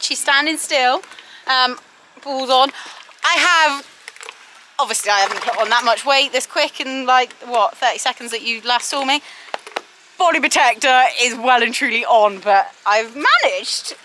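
A woman's voice: on the high side, sharp tone, slight background noise. A young woman vlogging from horseback outdoors, cooing praise and reassurance to her horse. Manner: coos and praises the horse in a soothing voice. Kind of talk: casual vlog chat, talking to her horse. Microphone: action camera.

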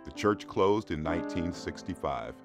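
A man giving measured, scripted documentary narration. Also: sits low, lively intonation. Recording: music bed under voice.

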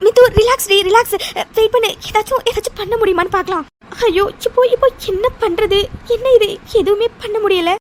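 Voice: very high-pitched, brisk, slight background noise. A performer voicing a young woman coder in a cartoon serial, comforting her friend and urging for more time. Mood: worried. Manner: comforting, urgent.

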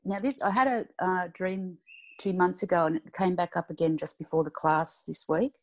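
A woman participant in an online class describing a vivid dream in careful, deliberate detail. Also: fairly low pitch, fairly even intonation. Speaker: class participant asking a question.

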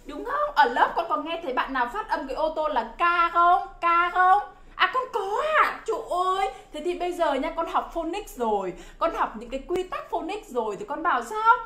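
Animated high-voiced woman teaching kids phonics. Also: moderate pace. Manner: animated, exclamatory, drills sounds by repetition. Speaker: English teacher for children. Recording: roomy echo.

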